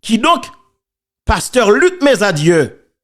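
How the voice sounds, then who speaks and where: A man with a Haitian accent talks in a fairly high voice, giving casual spoken commentary on church and politics. He is preachy and emphatic. He hammers his points home by repeating key phrases. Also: very animated, slow, fairly bright tone.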